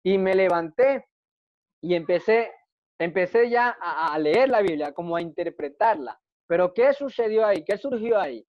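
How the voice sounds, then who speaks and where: A man with a high voice preaches his own testimony, earnest and repetitive, asking himself questions and answering them. The recording is dry and dull, with no room sound and a muffled lo-fi tone. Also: dry recording. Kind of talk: testimony sermon.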